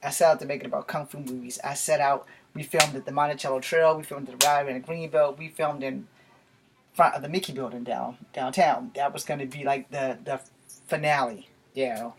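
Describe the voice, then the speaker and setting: An American man in his forties talks a little fast in a mid-range voice with fairly even intonation. As a YouTube vlogger, he rambles casually to camera in a small bedroom, with a camera a few feet away producing a noisy home recording full of clicks.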